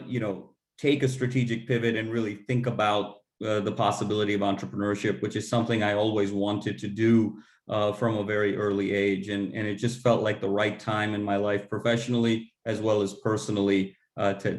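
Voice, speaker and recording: A man from Los Angeles answering panel questions in a measured, halting way. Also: lowish voice, little pitch movement, echoey room. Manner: measured, halting, many fillers and restarts. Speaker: panelist, MSx student.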